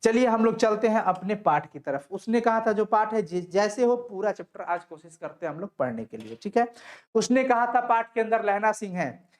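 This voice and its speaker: A man's voice: high voice, animated, moderate pace. A male teacher, giving an online class that explains a textbook story. He reads the text aloud, explains it, answers his own questions and reassures his students. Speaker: Hindi teacher.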